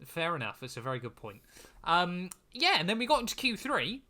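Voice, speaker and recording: A man's voice: sits high, wildly swooping pitch, a little fast, bright, forceful tone. A young man co-hosting a casual motorsport podcast, chatty and self-mocking. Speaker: podcast co-host. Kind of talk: casual chat.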